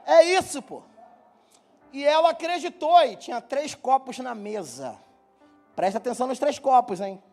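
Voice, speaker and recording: Brazilian guy preaching in church, high voice, cracking jokes, soft music in the back. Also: normal speed. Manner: joking, animated storyteller, talks straight to the congregation. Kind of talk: humorous sermon storytelling. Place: church hall.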